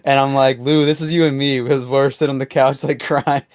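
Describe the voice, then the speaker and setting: A man's voice: mid-range voice, little pitch movement, brisk. A man co-hosting a casual chat podcast, retelling scenes in a laid-back, amused way. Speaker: podcast co-host.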